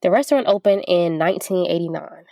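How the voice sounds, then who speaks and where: A woman's voice: fairly low pitch, quick pace, vocal fry, dark tone, no room sound, clean studio sound. A woman from the southeastern United States chatting casually as an interview guest, recorded in a closet. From Savannah, Georgia, United States. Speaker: interview guest, family restaurant business worker. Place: clothes closet.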